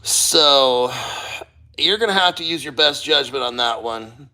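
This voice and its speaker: A man hosts a crypto channel livestream while sitting in a cold water plunge, speaking bluntly with loose motivational rambling and casual swearing. His medium-pitched voice is expressive and unhurried, with a sharp tone. The recording quality is low.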